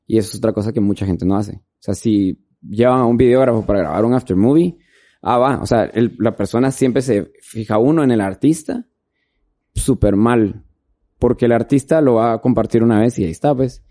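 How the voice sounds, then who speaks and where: A man's voice: medium pitch, fairly quick, dark tone. A man, a videographer, chatting casually in an interview and rambling through stories with lots of filler words. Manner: rambling storytelling, filler-heavy. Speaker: videographer guest.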